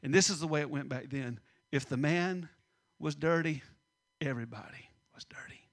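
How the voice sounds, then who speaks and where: A middle-aged man preaching a sermon, swinging between loud emphasis and hushed asides. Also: fairly high pitch, normal speed. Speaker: pastor.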